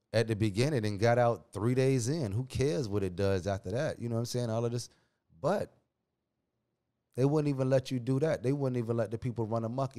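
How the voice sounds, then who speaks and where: A man hosting a podcast, talking casually and heatedly in slang, his pitch jumping when he gets worked up. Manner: animated, slangy, calls listener "dog"; restless pitch, rises sharply when worked up. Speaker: podcast host. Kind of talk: casual opinion talk.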